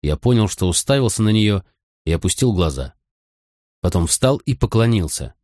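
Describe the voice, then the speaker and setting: A man narrating an audiobook in the first person, with measured, even storytelling. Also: on the low side, no room sound, studio quality.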